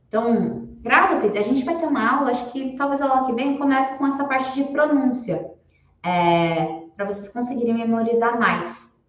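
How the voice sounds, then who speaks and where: A young woman whose first language is Portuguese gives a live online English lesson and patiently repeats her examples slowly. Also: fairly high pitch, roomy sound, lo-fi sound. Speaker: English teacher.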